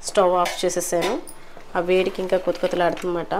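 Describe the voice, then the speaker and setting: A woman's voice: on the low side, completely flat delivery, fast, a little hiss or hum. A woman casually narrating a home cooking vlog, chatting politely to her viewers as she cooks. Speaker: cooking vlogger. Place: home kitchen.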